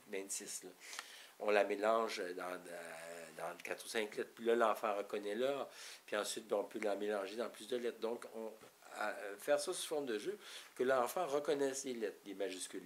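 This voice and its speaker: A man's voice: lowish voice, normal speed, a little hiss or hum. A man with a Québécois French accent giving an informal, rambling talk to parents, explaining step by step with frequent restarts. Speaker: parenting educator.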